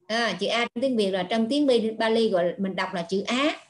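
A woman, a Buddhist nun patiently explaining pronunciation in an online lesson, with many pauses and filler sounds. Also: medium pitch. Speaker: Buddhist nun teaching Pali.

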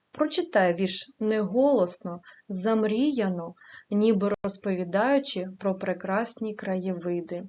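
A woman teacher reading poems and school exercises aloud, slowly and with careful recitation. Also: medium pitch, darkish tone, highs cut off.

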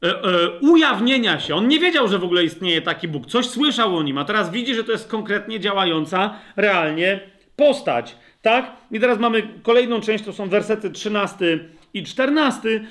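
Male Bible teacher, high voice, talks straight to the group, checks they follow, slows down on scripture. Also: animated, a bit bright. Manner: addresses listeners directly, asks checking questions; reads scripture aloud, slows down for emphasis. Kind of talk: Bible study lecture.

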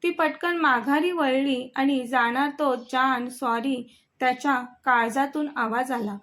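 A woman reading a romantic story aloud as a storyteller, with soft dramatic delivery. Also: sits high, steady tone, slow pace. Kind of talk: scripted story narration.

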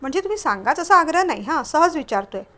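A friendly young man waiting for his bus, chatty and a bit loud, his voice sitting fairly high, as a woman storyteller puts him on. he's warm and easygoing in this spoken storybook. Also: sing-song, fast talker.

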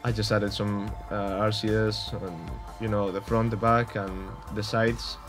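Here a gaming YouTuber, a young Spanish man, narrates gameplay in a lowish, level voice at a measured pace while music runs behind him. He has a Spanish accent, and his casual remarks are hesitant, with lots of fillers and restarts.

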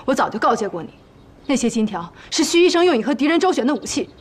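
An actress playing a stern team leader in a war drama, giving brisk orders. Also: female voice, sits high, sing-song, a little hiss or hum. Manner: brisk, commanding.

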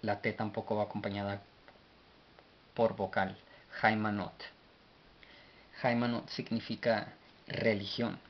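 A man teaching a language lesson, slowly spelling words out letter by letter. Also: fairly low pitch, flat delivery. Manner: slow and deliberate, spells letter by letter. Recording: dull lo-fi recording with faint hiss.

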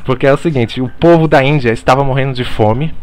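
A man playing a mock teacher in a parody online lecture, deadpan and mock-serious, swearing casually while talking over slides. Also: mid-range voice, quick pace.

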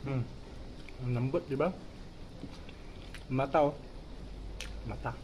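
Filipino male mukbang host, slow and unhurried, chewing while talking, mid pitch. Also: darkish tone, a little hiss or hum. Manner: slow, murmured comments between bites. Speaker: mukbang vlogger. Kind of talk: casual eating vlog.

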